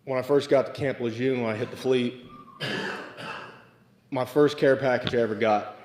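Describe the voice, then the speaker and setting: A man giving a memorial eulogy, relaxed and a little hesitant, with many fillers as he reminisces. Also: medium pitch, normal speed. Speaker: eulogy speaker. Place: memorial service room. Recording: echoey livestreamed room.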